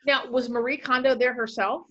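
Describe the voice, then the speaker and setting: A woman's voice: a little high, fairly even intonation, moderate pace, pushed and bright, highs cut off. A woman hosting an interview podcast, upbeat and enthusiastic, often restarting her questions. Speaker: podcast host. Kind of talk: casual interview chat.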